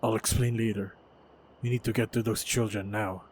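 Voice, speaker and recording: In a fantasy action audio roleplay, a man voices a stoic, wry, protective monster hunter, delivering terse, measured, understated lines in a guarded, calm mood. His voice is fairly low, darkish and fairly flat in pitch, close to an everyday voice, with slight background noise.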